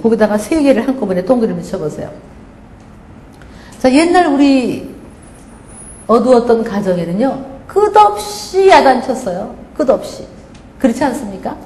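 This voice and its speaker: Woman preaching in an echoey hall. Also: high voice. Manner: animated storytelling, acts out scolding voices. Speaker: pastor. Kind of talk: sermon. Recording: echoey hall, faint background noise.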